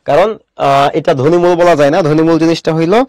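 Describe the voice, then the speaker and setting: A man's voice: fairly high pitch, a little fast, a little mellow, no echo, studio quality. Man teaching a lesson step by step. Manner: explains step by step, asks questions to the class. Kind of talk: online class lecture.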